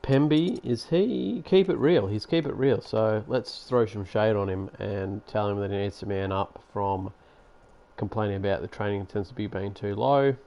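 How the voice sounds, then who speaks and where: A man's voice: fairly low pitch, moderate pace, warm tone. A man giving casual, sarcastic commentary while playing a basketball management game. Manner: chatty, sarcastic, grumbles at the game. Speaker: gaming YouTuber.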